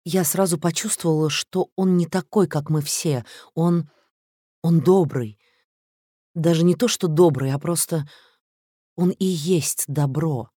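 A man reading an audiobook story, voicing a fragile young woman chess player who speaks in halting, trembling phrases with a raised voice. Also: fairly high pitch, fairly even intonation, dark tone, no echo, studio quality, pitched above the performer's own voice.

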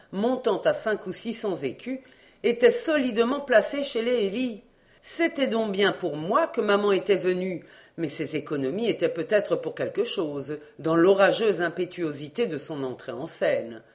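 Measured audiobook narrator. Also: mid-range voice, expressive, a little mellow. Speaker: audiobook reader. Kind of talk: adventure novel reading.

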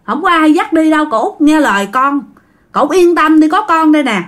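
A calm adult nephew pleads softly and soothingly, as a woman narrator voices him. His voice sits fairly high and moves with lively pitch. It is told as part of a ghost story. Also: brisk. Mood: pleading.

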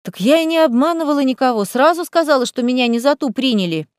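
A bewildered young novice witch who keeps asking exasperated, startled questions, as a woman reads her part in an audiobook. Her voice sits a little high and sounds close and dry, with no room sound. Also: animated, fast, clear, resonant tone, no room sound. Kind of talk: audiobook character voice.

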